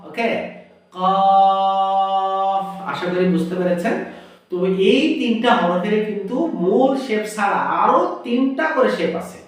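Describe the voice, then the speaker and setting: A man teaching Arabic letter pronunciation, explaining step by step and drawing out each sound slowly to demonstrate it. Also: high-pitched, far from the mic. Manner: asks the viewer questions, then answers them himself. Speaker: Quran teacher. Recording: very echoey room, voice from off the mic.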